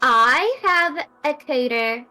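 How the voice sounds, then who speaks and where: A woman co-hosting a casual live stream, excitable and profane, gushing over guests. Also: sits high, slow pace, soft background music. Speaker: stream co-host.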